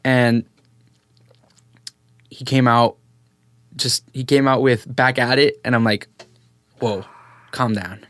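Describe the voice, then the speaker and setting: A young man as a podcast guest, telling a story in casual chat, animated and excitable, acting out what people said. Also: medium pitch, slow, pauses often, smooth, no echo. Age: young adult.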